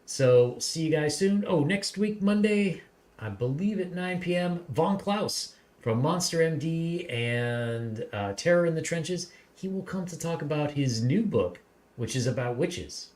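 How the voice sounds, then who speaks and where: A man's voice: a little high, a little slow. A man hosting a casual livestream interview, chatting loosely and plugging upcoming shows. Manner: relaxed, chatty, plugs upcoming streams. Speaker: host.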